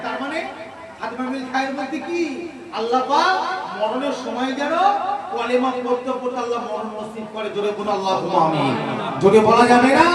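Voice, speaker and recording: A man preaching a sermon at a large gathering, jumping between loud calls and soft asides and urging the crowd to respond. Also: very high voice, distant mic. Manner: questions and urges the crowd to respond. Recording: very echoey PA sound from afar, crowd behind.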